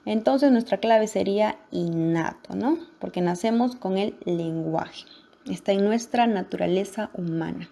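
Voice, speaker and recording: A woman's voice: medium pitch, vocal fry, mellow. A woman teacher going through practice exam questions, asking the class for each answer and affirming it. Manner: questioning, pausing for answers, affirming "muy bien". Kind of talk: guided exam-practice lesson.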